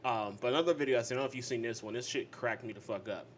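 A man's voice: medium pitch, very fast, a little hiss or hum. A young man co-hosting a casual podcast, swearing freely and laughing through his stories. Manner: profane, laughing storyteller. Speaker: podcast co-host.

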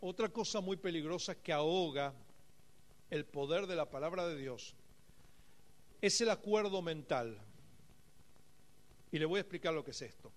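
A male pastor delivering a sermon at a live congress, swinging between hushed, quiet passages and fervent shouted exhortation. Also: a little high, moderate pace, long pauses. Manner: impassioned preaching, dropping to hushed tones then shouting.

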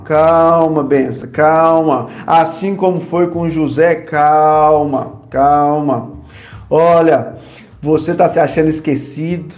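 A man preaching a sermon, retelling Bible stories with lively acted-out lines and soothing repeated reassurance. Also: a little high. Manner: animated storytelling, acts out biblical characters' lines; soothing repetition.

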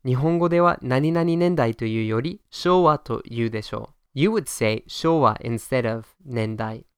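A man's voice: mid-range voice, measured pace, clean tone, no room sound, clean studio sound. A man hosting a podcast language lesson, explaining each point in Japanese and then repeating it in English in a friendly, upbeat way. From United States.

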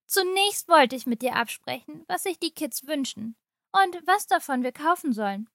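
A woman's voice: high voice, animated, normal speed, creaky, fairly bright tone, dry recording, clean studio sound, pitched above the performer's own voice, exaggerated voice. A woman reading as a pushy, irritable mother-in-law. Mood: irritated, pushy. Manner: pushy, indignant. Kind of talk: audiobook reading of a short story.

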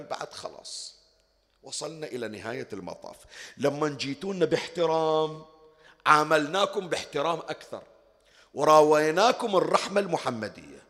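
A man preaches a sermon, his voice pitched high and rising and falling with wide animation. He moves from loud emphatic declaiming to quiet asides. A long reverb from a large hall trails his words. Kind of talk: religious sermon.

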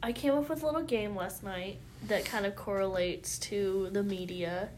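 A woman's voice: mid-range voice, moderate pace, darkish tone, a little hiss or hum. A young woman co-hosting a podcast, chatting casually and giggly, often repeating "okay". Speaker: podcast co-host. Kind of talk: casual film chat.

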